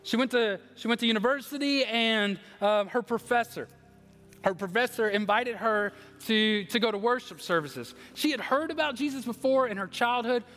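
A man's voice: very high-pitched, normal speed, fairly bright tone. A man, preaching as a pastor, earnest and prayerful as he leads a prayer and encourages the congregation. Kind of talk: sermon with prayer. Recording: long hall reverb, faint music.

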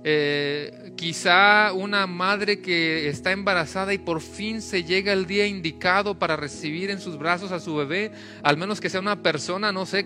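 A man's voice: high-pitched, sharp tone. A man preaching a sermon as pastor, working through rhetorical questions with a repetitive preaching cadence.

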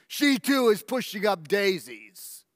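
An actor playing a boastful, ruthless ancient king in a first-person dramatic monologue, pompous and menacing, with slow drawn-out emphasis. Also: high-pitched, very animated, dry recording, clean studio sound, in a large hall, heavily acted.

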